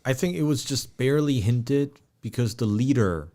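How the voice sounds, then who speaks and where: A man's voice: medium pitch, animated, mellow. Man co-hosting a casual movie chat. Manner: reads viewer comments aloud, halting, many restarts. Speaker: podcast co-host.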